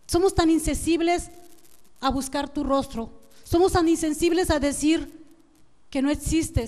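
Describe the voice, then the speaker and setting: A woman's voice: high voice, darkish tone. Fervent woman pastor preaching, ringing hall. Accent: northern Mexican Spanish. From Mexico. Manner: fervent, repetitive, addresses the congregation as brothers. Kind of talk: emotional Good Friday sermon. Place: church sanctuary. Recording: long church hall reverb.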